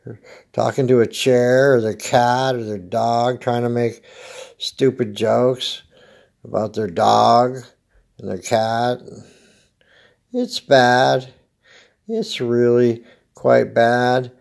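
A middle-aged American man with a creaky, gravelly smoker's rasp talks slowly through a casual solo comedy monologue. He rambles in a dry, laid-back way and swears freely. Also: medium pitch, a little mellow. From Oregon, United States. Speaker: comedian podcast host.

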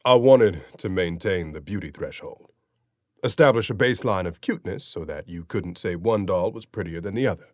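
An earnest, scholarly father, as a male narrator puts him on, speaking slowly in a low, dry voice. He sounds intense and serious. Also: no echo, lightly acted. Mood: explaining.

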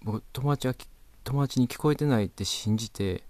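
A man's voice: mid-range voice, normal speed, darkish tone, no echo. A man with a Kansai accent telling a comic anecdote to a listener, chatty and exasperated, with polite asides. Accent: Kansai Japanese.

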